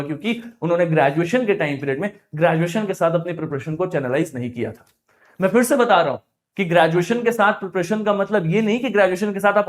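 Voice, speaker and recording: High-voiced man teaching exam strategy. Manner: emphatic, repeats key phrases, asks and answers own questions. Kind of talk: explanatory coaching talk.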